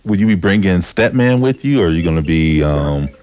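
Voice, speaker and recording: A man's voice: deep voice, lively intonation, a little fast, darkish tone, dry recording. A man co-hosting a radio show, joking with hesitant starts. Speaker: radio co-host.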